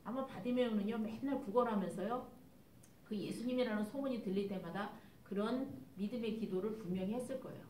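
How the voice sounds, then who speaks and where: A woman's voice: medium pitch, fairly quick, warm tone, slight background noise. A woman missionary preaching a sermon, emphatic and full of rhetorical questions to the congregation, recorded in an echoey church from a distance. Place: church sanctuary.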